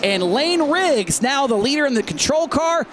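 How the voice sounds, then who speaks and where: High-pitched male race caller over engine noise. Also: normal speed. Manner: excited, emphatic play-by-play. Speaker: race caller, lead announcer. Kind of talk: live stock car race commentary, race caller. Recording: loud engine and track noise behind. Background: race cars and vehicle noise.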